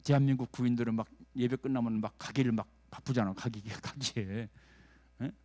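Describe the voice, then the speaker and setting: A man, a pastor preaching a sermon in a folksy manner, checking in with the congregation and swinging from loud urging to hushed lines. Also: medium pitch, steady tone, brisk.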